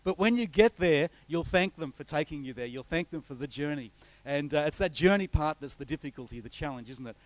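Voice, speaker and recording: He speaks a little high and animated, fairly quickly and with hardly any pauses, in a dry recording. The middle-aged Australian, a visiting pastor from NSW's north coast, rambles chattily through an informal sermon introduction with slides, with lots of fillers and restarts.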